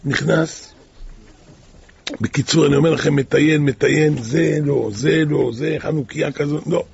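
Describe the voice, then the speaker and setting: A man with a very husky, gravelly voice tells a dramatic religious story, repeating phrases for emphasis. His voice sits fairly high, and the recording sounds dull and lo-fi. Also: steady tone, a little mellow. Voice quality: raspy, gravelly. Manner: repetitive, emphatic, voicing the characters.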